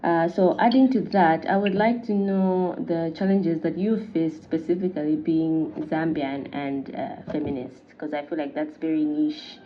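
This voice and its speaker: A woman's voice: sits low, fairly even intonation, normal speed, hardly any pauses. A woman interviewer asking long questions and affirming answers with many listening sounds. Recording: dull lo-fi sound with faint noise.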